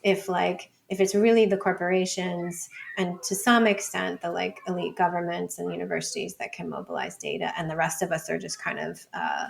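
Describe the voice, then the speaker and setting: Her fairly low voice has vocal fry, a steady tone, and a moderate pace with hardly any pauses. She's the interview guest, a data researcher who writes books, giving conversational podcast answers full of hedges like "like," "sort of," and "you know."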